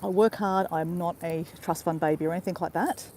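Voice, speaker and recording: Brisk and fairly even in intonation, this woman's lowish voice has a darkish tone, and a slight hiss or hum is audible. An Australian travel vlogger, she chats casually to her live-stream audience during a walk in a riverside park, calling them "guys" again and again.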